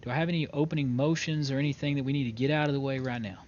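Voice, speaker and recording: A man's voice: fairly even intonation, darkish tone. Dull, noisy recording of a formal courtroom man. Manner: formal court-clerk announcing, hesitant with frequent pauses. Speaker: judge in an online role-play game. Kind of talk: improvised courtroom role-play, formal court proceedings. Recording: dull lo-fi mic with clear rumbling noise.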